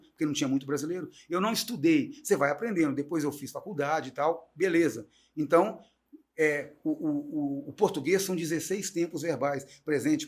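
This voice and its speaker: Chatty middle-aged man, slightly high voice. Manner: animated, chatty storyteller. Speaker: guest teacher. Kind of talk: casual talk-show conversation.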